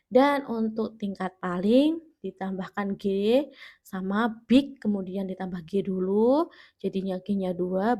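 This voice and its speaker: A woman with an Indonesian accent teaching an English grammar lesson, explaining patiently and often correcting herself mid-word. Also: mid-range voice. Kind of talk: classroom grammar lesson for students at home.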